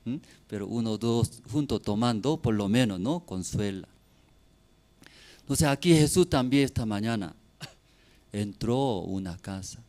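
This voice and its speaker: A man's voice: lowish voice, lively intonation, measured pace, darkish tone. A middle-aged man preaching a sermon as pastor, often ending phrases with tag questions and building to emphatic bursts.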